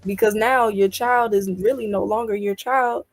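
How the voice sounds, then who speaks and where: Faint music plays behind a woman co-hosting a podcast in a casual discussion. Her medium-pitched voice holds a steady tone at a moderate pace even as she talks emphatically and fires off incredulous rhetorical questions.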